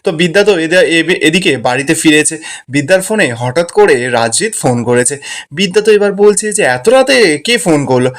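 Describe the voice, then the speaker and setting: একজন পুরুষ টিভি সিরিয়ালের পর্বের গল্প সহজ ভঙ্গিতে বলে যাচ্ছেন।. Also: male voice, on the high side, expressive, brisk. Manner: plain storytelling, repeats "he says that". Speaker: serial recap narrator. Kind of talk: retelling a TV serial episode.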